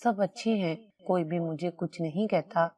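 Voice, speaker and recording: A woman reading the lines of a frightened, quiet young schoolgirl in a storybook tale, in a timid, tearful way. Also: lowish voice, far from the mic, lightly acted.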